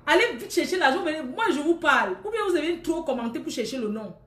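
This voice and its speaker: Brief: woman, high pitch, teasing and scolding live-stream seller, echoey room. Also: lively intonation, fast talker, a bit bright. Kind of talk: casual live-stream chat with viewers.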